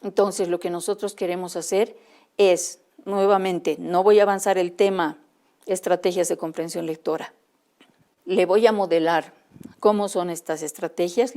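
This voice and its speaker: Woman trainer, Bolivian accent, mellow and calm, clear explanatory lecture to teachers. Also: on the low side. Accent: Bolivian Spanish. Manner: clear, explanatory, addresses teachers directly with examples.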